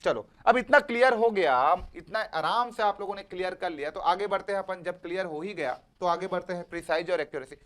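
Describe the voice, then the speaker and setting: Brisk and high-pitched with a fairly bright tone, this male lecturer barely pauses while prepping students for exams. He repeats himself, coaxes them, checks often that they're keeping up, and uses "beta" for them.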